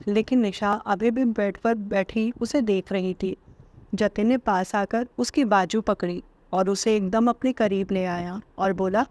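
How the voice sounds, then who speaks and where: Woman storyteller, scripted narration, mid pitch, dry close sound. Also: fairly even intonation, measured pace, a little mellow, dry recording.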